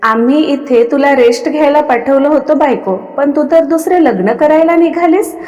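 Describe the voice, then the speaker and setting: Woman reading a commanding, domineering young husband, high-pitched delivery, long reverb, audio storybook. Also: normal speed, a little mellow, dull audio, close to an everyday voice. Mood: stern commanding. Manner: commanding, uses royal "we".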